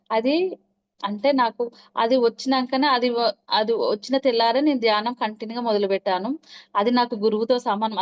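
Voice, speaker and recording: A woman's voice: a little high, smooth. A woman recounting her personal spiritual experiences to an interviewer, telling the story with many restarts and acting out the dialogue. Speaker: meditation practitioner interviewed. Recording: dull lo-fi recording.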